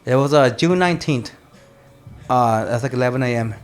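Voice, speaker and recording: A man's voice: medium pitch, moderate pace, soft background music. A man in his forties, a military veteran and father, telling rambling stories on a podcast with many restarts. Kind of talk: casual storytelling chat.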